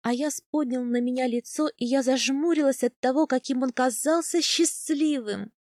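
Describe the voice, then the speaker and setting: A woman narrating a first-person audiobook in a calm, even storytelling manner. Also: high voice, moderate pace, dry recording, clean studio sound.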